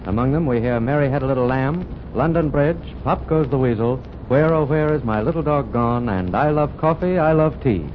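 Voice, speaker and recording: Formal announcer on a muffled old radio broadcast. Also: male voice, medium pitch, normal speed, long pauses. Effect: old radio broadcast sound. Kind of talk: scripted program introduction. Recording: dull lo-fi old radio recording.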